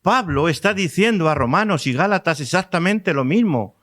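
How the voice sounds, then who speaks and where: A man with a Spanish accent preaching a sermon, explaining slowly, repeating key words and asking the congregation rhetorical questions. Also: on the high side, animated, a bit bright. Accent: Spanish from Spain.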